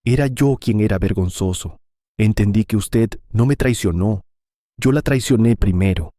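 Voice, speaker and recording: A man reading as a grown son full of regret, his low, dark, mellow voice moving slowly and heavily through a confession to his mother. The sound is dry and close, like a storybook read straight into the mic. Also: dry recording, lightly acted. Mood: remorseful. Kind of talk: scripted audio-story reading.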